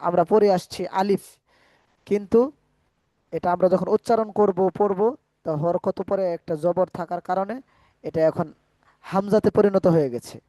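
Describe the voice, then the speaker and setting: A man teaching an online Quran class, patiently explaining letter sounds and vowel marks step by step, now and then chanting phrases in slow drawn-out recitation. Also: high-pitched, fairly even intonation, mellow, no echo.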